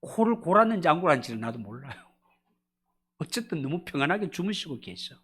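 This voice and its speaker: A male pastor delivering an expository sermon at a church evening service, swinging between loud emphasis and hushed drops. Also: a little high, very animated, fast, husky.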